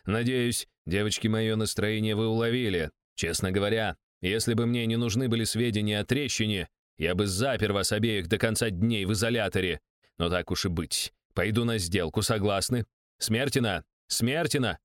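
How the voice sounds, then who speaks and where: A man's voice: fairly low pitch, moderate pace, no echo, studio quality, lightly acted. A man voicing a contemptuous, bullying older male secret police official. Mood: menacing.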